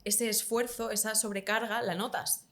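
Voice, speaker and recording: A woman's voice: on the high side, moderate pace. Confident woman teacher. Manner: explanatory, confident, lively emphasis. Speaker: English teacher guest. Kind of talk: conversational interview.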